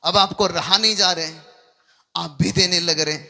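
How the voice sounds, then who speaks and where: A man's voice: sits high, steady tone, measured pace, vocal fry, pushed and bright. A man preaching a sermon, speaking emphatically and often asking the congregation whether they understand. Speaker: pastor.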